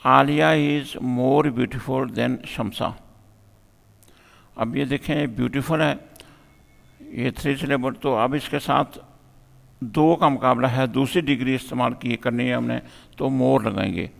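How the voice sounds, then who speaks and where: A man's voice: medium pitch, steady tone, moderate pace, creaky, in a large hall. A man teaching a grammar lesson, explaining step by step and asking questions he then answers.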